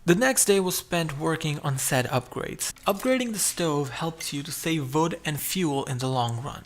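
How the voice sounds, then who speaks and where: A man's voice: fairly high pitch, lively intonation, moderate pace. A man narrating his own survival game playthrough, chatty and explaining each move as he goes. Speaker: gameplay narrator.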